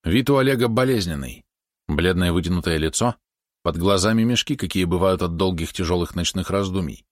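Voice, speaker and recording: Reading briskly but carefully from a script, a male narrator voices an audiobook in a low, steady, even storytelling tone. The recording is close and dry, without any room echo.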